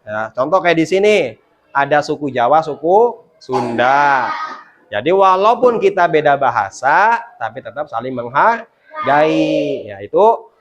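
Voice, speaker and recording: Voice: medium pitch, sing-song, noisy background. Teacher quizzing a class. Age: adult. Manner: quizzes the class with quick questions. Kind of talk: classroom lesson.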